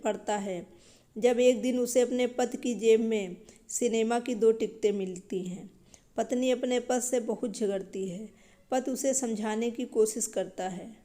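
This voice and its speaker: A woman narrates a moral tale in a calm, even storytelling manner. Her voice sits a little high, with a soft, mellow tone. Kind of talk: scripted narration.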